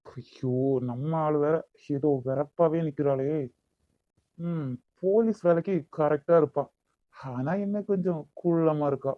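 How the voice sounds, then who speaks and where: A man's voice: on the high side, a little slow, natural voice. A man with a Kanyakumari Tamil accent voicing a bossy, hot-tempered young lover in a cartoon, brusque and demanding. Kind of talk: cartoon voice acting. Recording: dull lo-fi recording.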